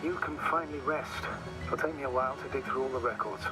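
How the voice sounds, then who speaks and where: An actor playing a calm space commander. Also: male voice, mid-range voice, fast talker, music in the background, lightly acted, poor audio. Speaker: mission commander.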